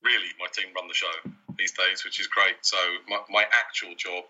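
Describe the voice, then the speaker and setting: A Welsh company CEO appears as a podcast guest in a casual interview, speaking in a relaxed, reflective way and laughing often. His low voice is steady, bright, forceful, and slightly rough, at a normal speed. The internet call audio sounds dull.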